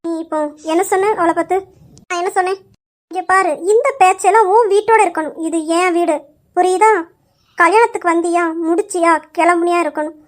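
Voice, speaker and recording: A woman's voice: very high voice, brisk. A woman voicing a proud, protective young woman of the house, speaking sternly and firmly. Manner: stern, commanding. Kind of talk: amateur Tamil story drama.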